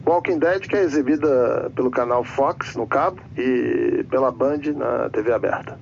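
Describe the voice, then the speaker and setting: A rambling pilot on the intercom. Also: male voice, mid-range voice, moderate pace, vocal fry, a little mellow, muffled recording, slight background noise. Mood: formal, rambling. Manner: formal announcer tone drifting into endless trivia. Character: rambling male airline captain over the intercom. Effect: pilot speaking over the cabin intercom. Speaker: airline captain. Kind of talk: comedy sketch.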